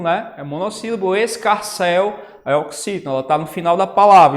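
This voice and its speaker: A Portuguese teacher gives an online grammar lecture in a high, echoing voice, writing on a tablet as he talks. He explains things carefully and often says "né?" and "ó". The recording carries a long reverb.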